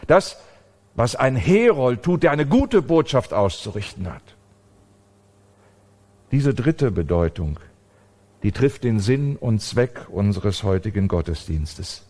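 A man's voice: mid-range voice, sing-song, takes it slowly, pauses often, a little mellow. A man preaching an emphatic sermon at a church service.

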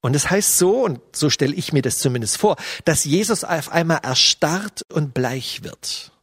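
A man's voice: a little high, expressive, normal speed, a bit bright, husky, no echo, clean studio sound. A middle-aged man giving a sermon, retelling a scene in a loose, storytelling way with fillers. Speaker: preacher.

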